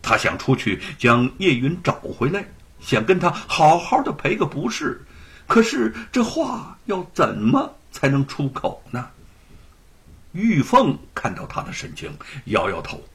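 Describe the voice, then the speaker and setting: A man narrating a serialized story in an expressive, dramatic storytelling manner. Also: a little high, unhurried, breathy edge. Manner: expressive, swings between loud and hushed.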